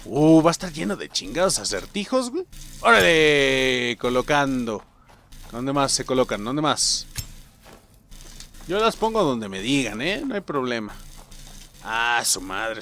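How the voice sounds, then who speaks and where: A man's voice: mid-range voice, fairly bright tone. A man with a Mexican accent doing let's play commentary as a gaming channel host, joking, swearing freely and talking to his viewers like buddies. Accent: Mexican Spanish.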